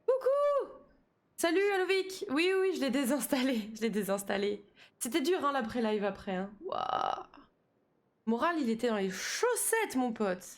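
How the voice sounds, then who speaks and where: A woman's voice: on the high side, sing-song, a little fast. Chatty young woman streamer. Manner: chatty, talks to chat with fillers and slang. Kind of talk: casual live-stream chat while gaming.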